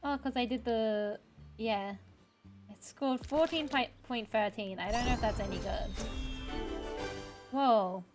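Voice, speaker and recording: Australian woman streamer with a high voice. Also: takes it slowly, long pauses, darkish tone. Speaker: livestreamer, VTuber. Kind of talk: casual gameplay commentary. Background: music.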